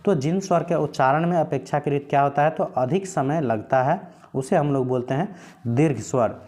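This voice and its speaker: Patient male teacher, slightly high voice. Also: moderate pace, a little mellow. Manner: patient, repeats points, asks and answers his own questions. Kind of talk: explaining grammar lesson.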